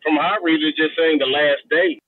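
A man's slightly high voice comes through a tinny, staticky channel, like a trucker's CB radio. He pushes back with questions in a casual group talk, and the sound is dry and close, with no room around it. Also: little pitch movement, a little fast, no echo. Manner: questioning, argues from a plain reading. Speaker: discussion participant. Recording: tinny, staticky phone-like line.

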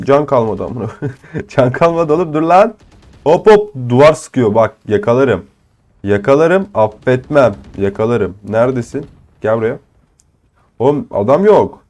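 An excitable young man hosting a gaming channel gives live commentary on a shooter game in a mid-range voice, swearing and joking at his opponents. He is ill with a cold.

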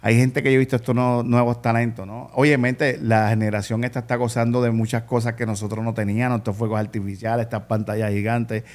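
Experienced male singer, casual podcast chat, advice-giving, mid-pitched voice. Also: flat delivery, fast talker, hardly any pauses, a little mellow. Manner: gives advice, fatherly, says "exacto". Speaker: guest singer.

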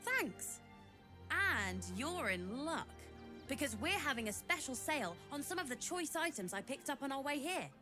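A woman's voice: high-pitched, sing-song, normal speed, music in the background. A woman playing a sly young street-urchin girl in a video game, with brash, wheedling sales patter. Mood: sly, friendly.

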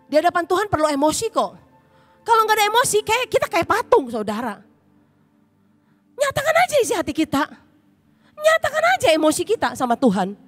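A woman's voice: extremely high pitch, wildly swooping pitch, brisk, long pauses, fairly bright tone, dry recording, soft background music. A woman pastor preaching a sermon with emotion, often turning to her listeners.

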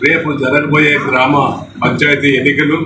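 A man representing a local Telugu party delivers a formal address at the opening of a party office, offering thanks and many honorifics. He speaks at normal speed in a high-leaning, flat voice, and the news mic recording is echoey, distant and noisy.

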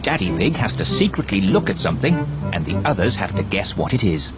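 A man's voice: sits low, big pitch swings, fairly quick. A man with a British accent narrating a preschool cartoon as a friendly storyteller for small children. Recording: loud music behind narration.

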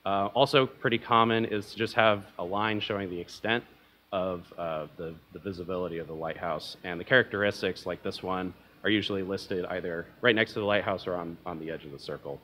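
A young man speaks from a lectern at a conference, his voice sitting a little low. He talks casually and a bit self-deprecatingly, with plenty of ums and uhs as he explains his slides. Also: steady tone, brisk, bright, forceful tone, slight background noise. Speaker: conference presenter. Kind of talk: academic conference talk.

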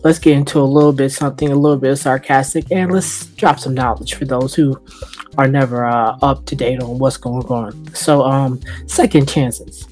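A man's voice: mid-range voice, steady tone, moderate pace, a little mellow. A man hosting a casual, sarcastic commentary, talking loosely and joking as he goes. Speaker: host. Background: background music.

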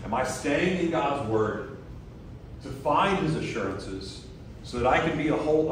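A man's voice: mid-range voice, slight background noise. Echoey distant man preaching a sermon. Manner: earnest, builds to emphatic peaks. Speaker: guest preacher. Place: church sanctuary. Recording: echoey church from far off.

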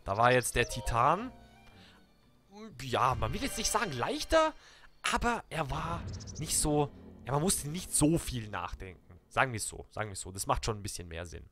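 Excitable man commentating a game. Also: mid-range voice, normal speed, soft background music. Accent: German. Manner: chatty, excitable, talks to himself and viewers. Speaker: let's play gamer.

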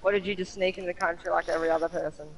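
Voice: medium pitch, fairly even intonation, very fast. A young gamer, chatting casually in crude, mocking banter full of swearing. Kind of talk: casual gaming chat. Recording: music playing over the voice.

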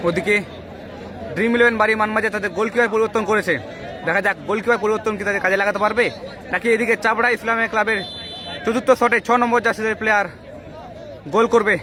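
High-pitched excited male football commentator. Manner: excited, urgent, repetitive exclamations. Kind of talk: live penalty shootout commentary. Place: outdoor football ground during a match. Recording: noisy outdoor stadium with loud crowd. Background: loud crowd and noise.

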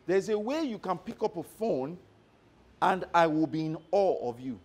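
A male motivational trainer speaking to a roomful of staff, his voice pitched a little high and swinging widely as he tells stories. He keeps stopping to check that his listeners are following him. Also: normal speed, soft background music. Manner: animated storyteller who checks in with the audience. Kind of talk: live workshop talk to staff.

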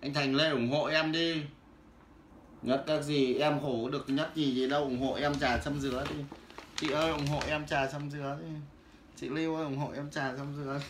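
A man, hawking goods on a casual livestream, loud and teasing as he calls out viewers by name. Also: a little high, steady tone, moderate pace. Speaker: livestream seller. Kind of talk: casual livestream sales patter. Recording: roomy with faint background noise.

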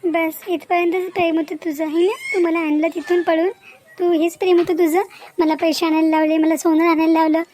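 A woman's voice: very high-pitched, flat delivery, a little fast, darkish tone, slight background noise. A woman voicing a young educated village woman in a cartoon, upset and confronting the boyfriend she ran away with. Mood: hurt. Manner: pleading then demanding, confrontational. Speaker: cartoon character. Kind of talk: Marathi cartoon voice acting.

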